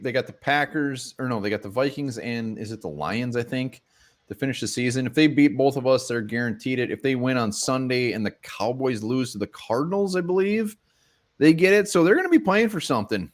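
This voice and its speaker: A man's voice: medium pitch, fairly quick. Blunt, profane man in sports chat. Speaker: sports podcast co-host. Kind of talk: casual live-stream sports chat.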